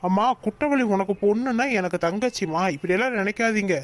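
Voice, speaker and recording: A man voicing a patient, mild-mannered son and husband in a Tamil cartoon, calmly reasoning with his mother. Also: high voice, quick pace, slight background noise, natural voice. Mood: pleading. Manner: calm, reasoning, placating.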